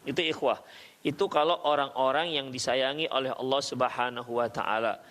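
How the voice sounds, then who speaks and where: An Islamic preacher teaches a study circle in a religious lecture, reciting Arabic verses and keeping things conversational by quizzing his listeners with questions. His voice is medium-pitched and a bit bright, with fairly even intonation and a moderate pace.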